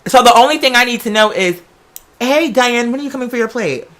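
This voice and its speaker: Brisk and animated, with a medium pitch and fairly bright tone, an American video creator delivers a casual, chatty vlog monologue. The talk rambles and digresses, delivered in a sassy, campy, theatrical style loaded with drag slang.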